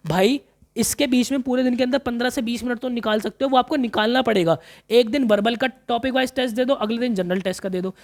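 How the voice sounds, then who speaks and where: A man's voice: very high-pitched, quick pace. A man coaching commerce students through exam planning in a casual, chatty way, often repeating himself and calling listeners brother. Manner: chatty, repeats phrases, calls listeners brother, mixes in English terms.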